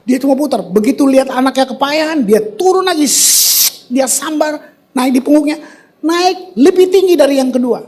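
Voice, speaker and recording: A man preaching a sermon in a church, animated and conversational, mixing casual slang with scripture and breaking into sudden loud bursts. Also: very high voice, brisk. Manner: casual street slang mixed with scripture reading. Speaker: pastor.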